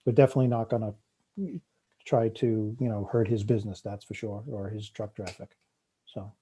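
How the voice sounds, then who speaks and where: A man with a Boston accent speaking at a town committee meeting, halting with many fillers and restarts as he presents a park project. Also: lowish voice, flat delivery, dark tone, a little hiss or hum.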